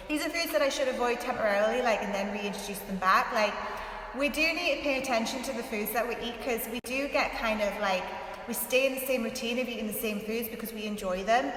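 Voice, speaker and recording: A woman's voice: medium pitch, a bit bright. A woman chatting casually to her followers in a vlog, rambling with lots of fillers, recorded in an echoey room. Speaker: health author and vlogger. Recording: big echoey room, distant from mic, faint hiss.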